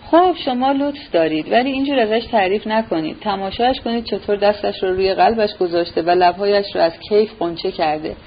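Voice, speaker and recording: A woman's voice: medium pitch, hardly any pauses, natural voice. A woman reading the lines of a scornful young man who mocks his uncle, in a storybook reading on a dull, slightly noisy recording. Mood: mocking. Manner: sneering, loud and derisive.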